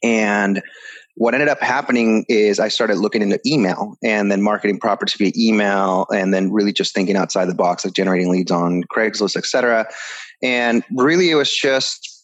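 A man from Ecuador, a guest on an interview show, telling his background in an energetic, casual way. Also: fairly low pitch, moderate pace.

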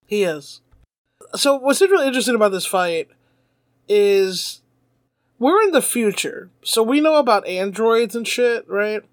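A man's voice: sits high, lively intonation, unhurried, dry recording, studio quality. A man co-hosting a podcast, chatting casually, laughing often and swearing freely. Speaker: podcast co-host.

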